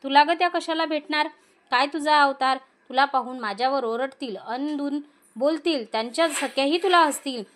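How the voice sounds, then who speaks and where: A woman plays a palace maidservant in a told folk tale, brisk and questioning. Her voice sits fairly high. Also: a bit bright. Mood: brusque. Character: palace maidservant, blunt then humble.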